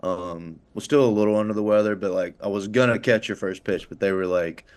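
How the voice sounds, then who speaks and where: A man with a fairly low voice chatting casually. He sounds laid-back and a bit hesitant, stumbling and filling gaps as he thinks. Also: fairly even intonation, a little fast, a little mellow, clean tone. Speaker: baseball pitcher guest. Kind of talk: casual chat.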